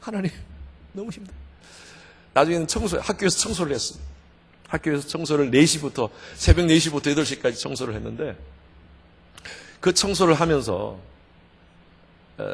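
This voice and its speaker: Gravelly pastor preaching in a reverberant church. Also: male voice, fairly high pitch, fairly quick. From Korea. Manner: storytelling, animated, with sudden shouts and quiet asides. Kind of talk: revival sermon with personal testimony. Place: church sanctuary. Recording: church hall with long reverb.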